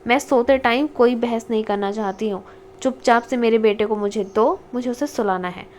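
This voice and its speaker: A woman reading the lines of a sharp-tongued young wife and mother who answers her husband curtly and scolds her son, in an audiobook. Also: on the high side, moderate pace, a little hiss or hum, natural voice. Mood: scolding. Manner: curt, scolding, defiant.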